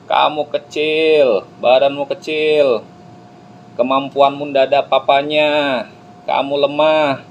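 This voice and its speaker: A man voicing a crowd of cricket spectators in a spoken fable, shouting high and loud. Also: highs cut off, slight background noise. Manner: loud, high-pitched jeering.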